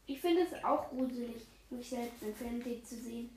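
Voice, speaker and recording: Good-natured pumpkin-head hero, read by a woman; friendly, a bit sheepish, high voice. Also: normal speed, a little mellow, reverberant, slight background noise, natural voice, rough recording.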